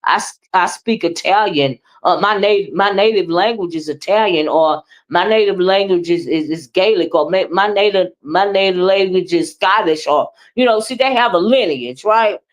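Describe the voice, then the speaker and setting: An American woman hosts a livestream, chatting casually and responding to chat in a lowish voice at normal speed with few pauses. She's emphatic and conversational, often checking in with listeners by ending phrases with short questioning tags.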